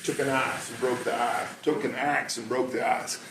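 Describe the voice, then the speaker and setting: In an echoey indoor cafe with noticeable background noise, a man around sixty from the United States spins anecdotes for an informal public talk and interview. He has a preacher's big voice, pitched in the middle, delivered flatly at normal speed.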